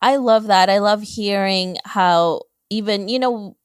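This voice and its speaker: A woman's voice: mid-range voice, measured pace, clean tone, no room sound. Upbeat woman podcast host, dry sound. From Philippines. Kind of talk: casual interview chat.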